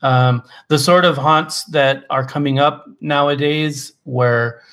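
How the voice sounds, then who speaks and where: A man co-hosting a podcast in casual chat, relaxed and enthusiastic, with lots of fillers and restarts. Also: a little high, takes it slowly. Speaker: podcast co-host.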